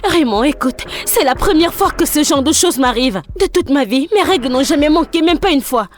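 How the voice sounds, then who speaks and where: A heartbroken young woman, high voice, pleading a lot, faint music, french dub. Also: animated, normal speed. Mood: anxious. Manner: pleading, emotional, often crying out. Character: young woman Tega, jilted and emotional. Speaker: lead actress in a film dub.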